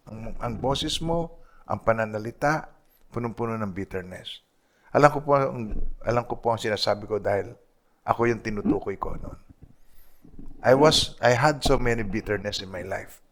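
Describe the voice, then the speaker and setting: A man preaching a sermon as pastor, swinging between hushed asides and loud emphatic rises, often checking in with the congregation with rhetorical questions. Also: fairly high pitch.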